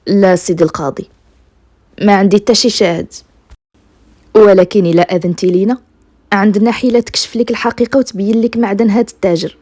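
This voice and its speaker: A woman's voice: mid-range voice, fairly even intonation, fast, long pauses, dark tone, dry recording, lightly acted. A woman with a Moroccan accent voicing a wronged, cunning husband in bedtime folk-tale storytelling. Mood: sly, assured.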